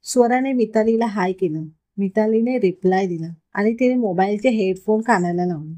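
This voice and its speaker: A woman narrating a story at a mid pitch, her voice mellow rather than bright. She reads the prose steadily and moves into light character voices whenever the dialogue starts. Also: normal speed. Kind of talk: reading a Marathi story aloud, voicing the characters.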